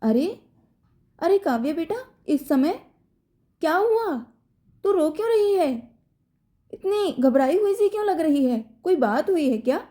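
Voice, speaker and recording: A woman's voice: sits high, normal speed, warm tone, pitched above the performer's own voice, lightly acted. A woman voicing a middle-aged mother, anxious and indignant on her daughter's behalf. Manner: anxious, then outraged.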